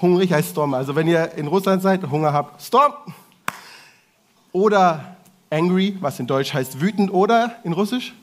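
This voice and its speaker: A man preaching to a congregation in a lively way, talking directly to the audience with playful asides. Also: fairly high pitch, brisk, hardly any pauses. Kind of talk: sermon to a congregation.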